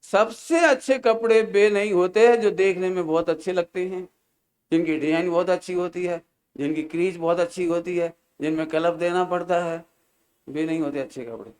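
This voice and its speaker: A high-pitched man delivers a sermon to a gathering. He tells stories in a lively way and acts out the voices of the people in them. He slows down to chant lines of verse. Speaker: Jain preacher. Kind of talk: sermon with storytelling. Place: large hall, camp gathering.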